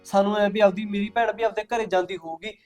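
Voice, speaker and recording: A young man as a bossy elder brother who talks fast in a high voice. He argues insistently and is quick to anger. Soft music sits under the scene. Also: fairly even intonation, lightly acted. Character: bossy, hot-tempered village elder brother.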